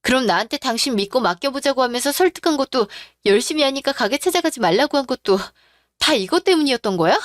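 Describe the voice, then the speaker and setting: A woman's voice: high voice, lively intonation, quick pace, dry recording, studio quality. A woman voicing a betrayed wife in a radio drama, confronting her in-laws in a demanding, confrontational way. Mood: furious.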